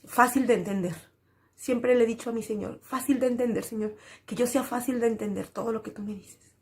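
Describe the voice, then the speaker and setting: A woman's voice: fairly high pitch, fairly even intonation, fairly quick, a little mellow. A woman gives an emotional church testimony, repeating phrases and speaking straight to the congregation.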